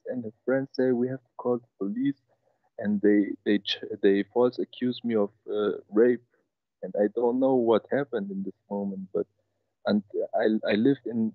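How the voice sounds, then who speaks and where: A German man in his twenties calls in to a talk show to share a personal story, sounding hesitant and emotional, with lots of fillers and false starts. His voice sits at a medium pitch, and the recording is dry with the high frequencies cut off.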